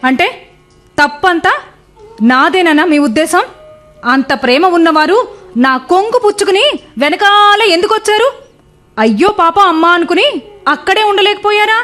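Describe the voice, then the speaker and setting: A cutting, selfish wife in a radio play, scolding with scorn in a high voice. Faint music plays underneath. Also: female voice, normal speed, fairly bright tone. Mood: scornful. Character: sharp-tongued, selfish young wife, contemptuous.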